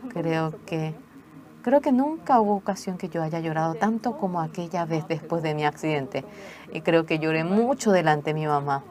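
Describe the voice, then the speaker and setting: A woman telling her own life story as a personal testimony, in an earnest, measured way. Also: sits low, darkish tone. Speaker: testimony speaker.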